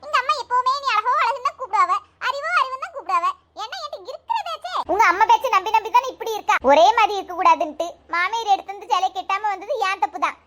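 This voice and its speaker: A woman's voice: very high voice, animated, quick pace, noisy background. A woman playing chatty, teasing young village women at a wedding in a comedy skit. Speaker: comedy channel performer.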